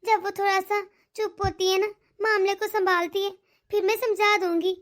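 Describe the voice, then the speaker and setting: A woman voicing a worried aging mother in a cartoon, gentle and coaxing. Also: very high voice, level tone, moderate pace. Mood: soothing. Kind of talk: cartoon dialogue.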